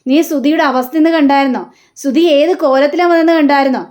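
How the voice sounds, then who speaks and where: A woman's voice: sits high, quick pace, darkish tone, natural voice. A woman voicing a worried father who firmly reproaches his wife about their son. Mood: stern.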